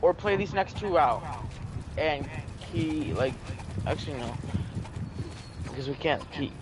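A young man chatting with a teammate during an online game, making quick callouts with sudden excited bursts, on a headset. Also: a little high. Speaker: gamer streaming a match. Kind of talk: casual gaming chat with a teammate. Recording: noisy game audio behind.

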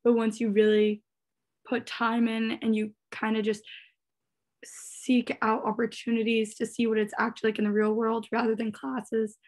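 A woman in her twenties, a recent graduate on a panel, telling a story in fast, chatty talk over a laptop microphone on a video call. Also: a little high, completely flat delivery. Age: 20s.

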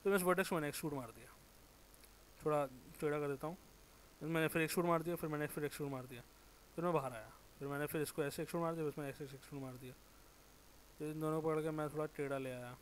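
A man with a sore throat giving a casual, informal software tutorial, thinking aloud, correcting himself and muttering as he works. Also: on the high side, steady tone, quick pace, a little hiss or hum. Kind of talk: casual screen-recorded tutorial.

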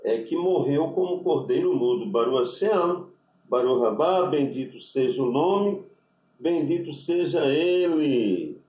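A man with a Brazilian Portuguese accent, a rabbi giving an unscripted religious lesson, deliberate and spelling out Hebrew letters with constant tag questions. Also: on the high side, expressive, mellow, recorded from a distance. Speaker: rabbi teaching Hebrew names. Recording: echoey room, voice off-mic.

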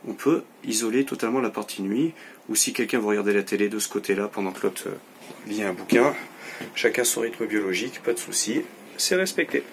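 A man presenting a motorhome for sale, briskly listing its features in a casual walkthrough recorded on a handheld camera inside the vehicle. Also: on the low side, a little hiss or hum. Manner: brisk, matter-of-fact listing. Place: inside a motorhome on a dealer lot.

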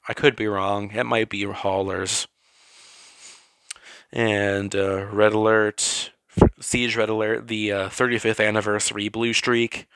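A man's voice: on the low side, no room sound. Rambling man touring his toy shelves. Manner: rambling, self-correcting, excitable rants. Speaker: toy collector. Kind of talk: casual collection tour.

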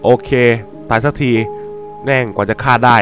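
A young man chats through his gameplay in a playful, teasing way and turns excitable during fights. His voice sits at an everyday middle pitch. Faint music plays behind him. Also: moderate pace. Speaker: gaming YouTuber. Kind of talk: casual game commentary.

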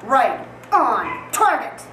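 A woman's voice: high voice, very animated, drawn-out words, fairly bright tone, exaggerated voice. A woman playing an angry, militant gang leader, telling things in a combative mock-military manner. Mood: bragging, combative. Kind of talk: mock news interview. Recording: echoey, distant, slightly noisy room.

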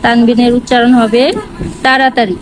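A woman teaching Quran reading step by step, slowly repeating each syllable in drills. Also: on the high side, level tone, slight background noise, poor audio. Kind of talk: step-by-step lesson.

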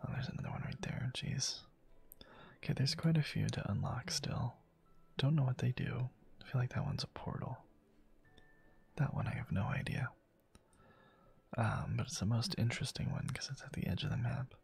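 A man quietly whispering casual ASMR gameplay commentary, musing aloud to himself as he plays, with keyboard and mouse clicks. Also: mid-range voice, moderate pace, creaky, long pauses, husky. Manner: soft-spoken, musing aloud while playing. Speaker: gameplay channel host.

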